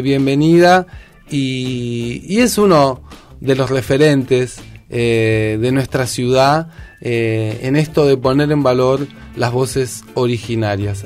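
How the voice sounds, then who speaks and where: A man with an Argentine accent hosting a casual radio show, relaxed and hesitant, with many fillers. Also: medium pitch. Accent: Argentine Spanish. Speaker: radio host.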